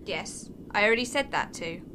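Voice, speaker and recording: A woman voicing a literal-minded female ship computer that speaks flatly and is quietly sarcastic. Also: mid-range voice, normal speed, noisy background, natural voice. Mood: deadpan. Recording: music playing behind the voice.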